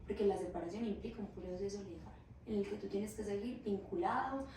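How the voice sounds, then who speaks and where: A woman's voice: medium pitch, fairly quick, a little mellow. A woman psychologist, explaining her ideas patiently in a podcast conversation and often checking in with the listener. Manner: explains patiently, acts out quoted reactions, often asks "¿cierto?". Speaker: psychologist guest. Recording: roomy echo, mic at a distance, faint hiss.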